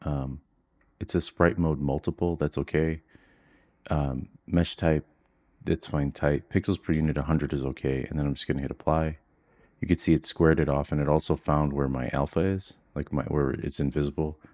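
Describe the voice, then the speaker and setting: With a very deep, dark voice, a coding instructor narrates a screen-recorded lesson at home, keeping it quiet and flat so he won't wake his sleeping children. His relaxed, chatty walkthrough moves at a normal speed and is full of fillers.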